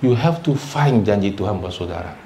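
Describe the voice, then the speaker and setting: A male pastor delivering a sermon, often calling out to his listeners and asking for amens, and mixing English phrases into his talk. He rises loud for emphasis, then drops low and soft. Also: lively intonation, normal speed, slight background noise. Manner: preaching with frequent calls of "saudara" and "amin", mixing in English phrases.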